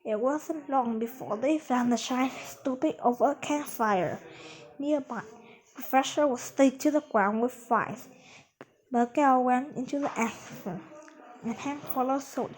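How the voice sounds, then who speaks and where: A woman reading a children's adventure book aloud in a lively way. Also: high-pitched, a little slow, low-quality recording. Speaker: storyteller.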